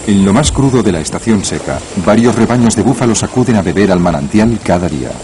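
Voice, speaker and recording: Deep-voiced man narrating a nature documentary. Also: lively intonation, fast talker, noisy background. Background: music bed.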